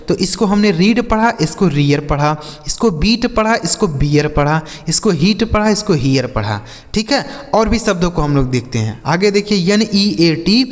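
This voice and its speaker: A man teaching a spoken lesson, spelling letters out slowly and repeating questions to the viewers before answering them. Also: high-pitched, in a large hall. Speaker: English teacher.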